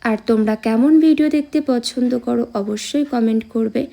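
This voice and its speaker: A young woman chatting casually to her viewers in a vlog, her voice a little hoarse from a cold, speaking outdoors on a phone camera. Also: fairly high pitch, normal speed, mellow. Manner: chatty, addresses viewers directly. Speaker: vlogger. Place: temple grounds outdoors.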